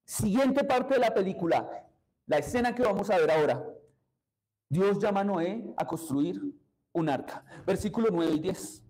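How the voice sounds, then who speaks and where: A man's voice: high voice, lively intonation, normal speed, a little mellow, rough recording. A man, preaching a sermon as pastor and putting questions to the congregation.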